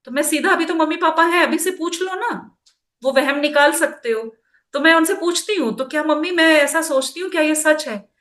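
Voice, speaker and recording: A woman's voice: high voice, moderate pace, fairly bright tone. A middle-aged woman teaching personality development in a chatty self-help talk, mixing in English phrases. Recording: roomy echo.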